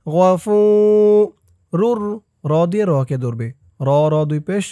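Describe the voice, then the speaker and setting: A man teaching Quran reading, chanting words slowly and explaining each letter rule in a lower voice. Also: lively intonation, dark tone, no echo. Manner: recites verses in a chanting tone, then explains spelling rules in a lower, quicker voice. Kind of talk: slow step-by-step recitation lesson.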